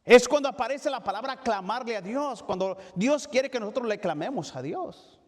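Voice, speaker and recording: A man with a fairly high voice preaching a Bible study in a church, and his words ring out with a long echo. He talks in a halting way, restarts often, fills gaps, and keeps checking in with the congregation. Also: lively intonation. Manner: halting, with frequent fillers and restarts, asking "¿verdad?". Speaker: pastor. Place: church sanctuary.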